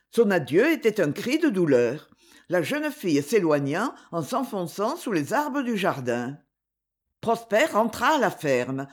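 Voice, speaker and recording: A woman narrating an old novel aloud in a measured, expressive manner. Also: lowish voice. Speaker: audiobook narrator.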